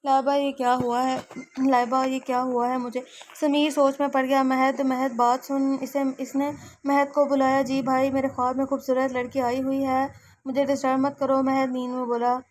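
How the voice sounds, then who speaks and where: A woman's voice: high-pitched, little pitch movement, normal speed. A woman reading a romance novel aloud as an audio story, giving all the characters her own voice, with frequent slips and self-corrections.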